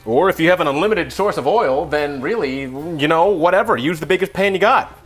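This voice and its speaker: A man's voice: fairly high pitch, animated, a little fast, soft background music. A man hosting a casual cooking tutorial in an offhand, self-deprecating, rambling way with trailing asides. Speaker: cooking show host.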